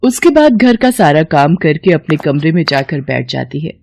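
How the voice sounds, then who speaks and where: A woman narrating a cartoon moral story in a steady, scripted storytelling manner. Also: low voice, normal speed, gravelly, slight background noise.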